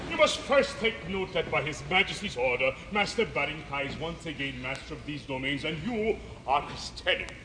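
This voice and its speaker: A man's voice: fairly high pitch, big pitch swings, normal speed, hardly any pauses. A man acting a formal, officious imperial officer in operetta dialogue. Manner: stiff and officious. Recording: old stage recording in a reverberant hall with hiss.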